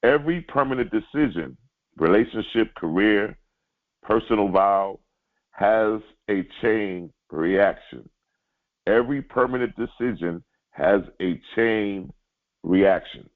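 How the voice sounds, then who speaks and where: A man giving a spiritual teaching, speaking directly to his listeners and repeating key lines slowly for emphasis. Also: lowish voice. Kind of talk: sermon-like teaching. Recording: tinny phone-like line.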